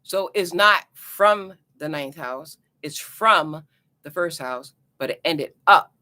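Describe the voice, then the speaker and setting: An astrology vlogger with a New Jersey accent teaches casually to camera in a loose, chatty style, repeating herself and tossing in "you know" asides. Her deep voice is bright, expressive and forceful, and she speaks slowly.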